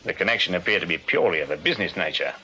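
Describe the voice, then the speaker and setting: An actor playing a shrewd, courteous Victorian police sergeant with an English accent, questioning in a measured, deferential way in a radio drama. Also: male voice, sits low, expressive, bright, forceful tone, lo-fi sound, a little hiss or hum. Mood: polite, probing. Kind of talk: period radio drama acting.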